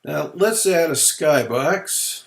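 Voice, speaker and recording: A man presenting a software tutorial, explaining features in a relaxed, folksy way as he clicks through them. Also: fairly high pitch, takes it slowly, vocal fry. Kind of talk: screen-recorded software walkthrough.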